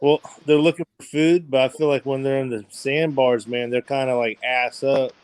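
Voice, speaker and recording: A man's voice: mid-range voice, steady tone, moderate pace, clean tone, no room sound. A man hosting a livestream, chatting casually about fishing in a rambling, laid-back way full of fillers. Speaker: livestream host.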